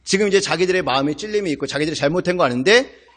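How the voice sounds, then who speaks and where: A man preaching a sermon as pastor, asking the congregation question after question in an emphatic, animated way. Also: on the high side, racing. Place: church sanctuary.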